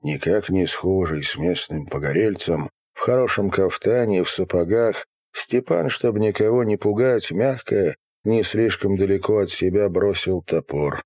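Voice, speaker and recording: Deep-voiced male audiobook narrator. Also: moderate pace, hardly any pauses, darkish tone, no echo, studio quality.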